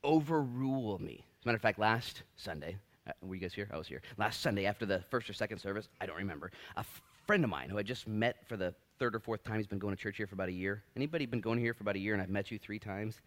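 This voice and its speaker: A man's voice: fairly low pitch, quick pace. A middle-aged male pastor preaching a sermon in a conversational, joking yet earnest way. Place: church.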